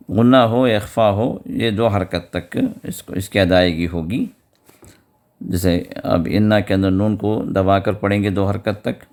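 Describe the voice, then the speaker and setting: A man teaching Quran recitation rules, explaining each point and then reciting words slowly and repeating them. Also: low-pitched, darkish tone. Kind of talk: tajweed lesson with slow recitation.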